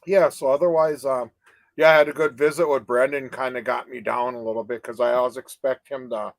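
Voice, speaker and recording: A man's voice: mid-range voice, steady tone, fairly quick, dry recording, rough recording. An older man co-hosting a casual live chat, rambling with restarts and frequent "you know?" tags. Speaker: co-host of a live advocacy chat.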